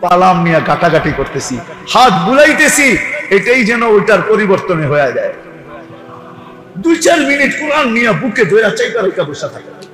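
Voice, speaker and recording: A man preaching a sermon to a gathering. He keeps asking the audience quick questions and shifts between soft and raised passages. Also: sits high, very animated. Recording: echoey hall, faint music.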